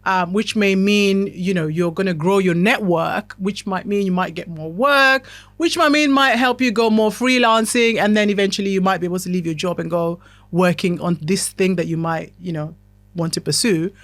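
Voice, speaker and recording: Speaking at a normal speed, this woman hosts a podcast and gives an upbeat self-help pep talk. Her medium-pitched voice has a fairly bright tone, she keeps checking in with the listener in a chatty way, and there's no room sound.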